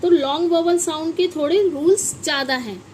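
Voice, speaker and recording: A woman's voice: extremely high pitch, normal speed, a little mellow, slight background noise, low-quality recording. A woman teaching a phonics lesson to children, spelling words out letter by letter and asking them questions. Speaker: English teacher.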